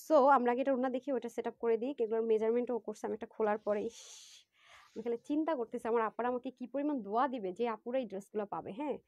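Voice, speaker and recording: Woman, live sales stream, quick excited chatter, dry close sound. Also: a little high, dry recording, highs cut off. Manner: chatty, excited, talks straight to viewers. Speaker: online clothing seller. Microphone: phone.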